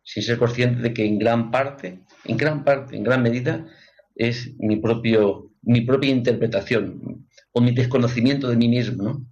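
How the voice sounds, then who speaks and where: A man reflecting on the mind on a radio talk show, softly, often closing phrases with a questioning tag. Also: mid-range voice, unhurried, lo-fi sound. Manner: reflective, soft, ends phrases with "¿no?".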